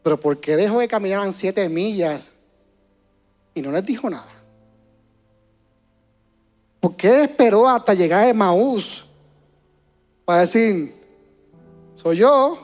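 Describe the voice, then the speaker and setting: Man, pastor, church sermon, impassioned, hushed to loud, repeats words, soft music underneath. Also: sits high, normal speed, long pauses. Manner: repeats words while searching for them. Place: church before a congregation.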